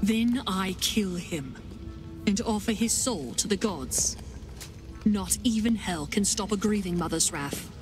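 An actress voicing a vengeful warrior queen in a video game, a grieving mother with iron will who speaks gravely and with command. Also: mid-range voice, expressive, unhurried, close to an everyday voice. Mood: grim, vengeful. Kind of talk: video game character dialogue. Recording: music behind the voice.

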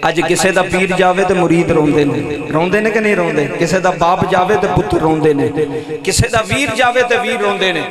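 A man's voice: sits high, a little fast, reverberant. A man preaching an emotional sermon to a gathering, calling on the listeners to answer him. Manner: impassioned, calls on the audience to answer. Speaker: Islamic preacher. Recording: live event with crowd noise.

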